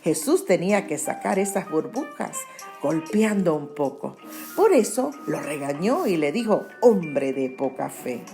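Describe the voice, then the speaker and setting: A woman tells a Bible story to children at an unhurried pace. Her pitch rises and falls in a lively way, and she often stops to ask the kids questions. Soft music plays quietly behind her. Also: gravelly.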